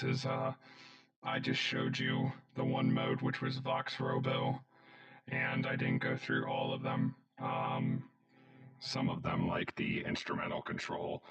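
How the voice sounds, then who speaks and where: A young man demonstrating a vocoder on his own voice, talking casually with a rambling manner and many fillers, his voice turned robotic by the effect. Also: mid-range voice. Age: young adult. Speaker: synth gear reviewer. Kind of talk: casual product demo. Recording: roomy vocoded recording with faint synth.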